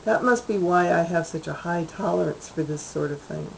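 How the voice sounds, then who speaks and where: A woman reading the lines of an irritated, defensive husband in a short story, in a flat, matter-of-fact way. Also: fairly low pitch, normal speed, gravelly, slight background noise, rough recording. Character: irritated middle-aged husband, defensive and wry.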